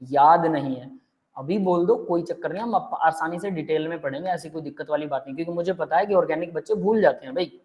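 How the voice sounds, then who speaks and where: Male teacher, relaxed and friendly; step-by-step explainer who checks in with students constantly. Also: fairly high pitch, quick pace. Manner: explains step by step, keeps checking the class understands; relaxed and friendly, calls students "beta" and "bhai". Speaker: chemistry teacher. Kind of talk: live online chemistry lecture.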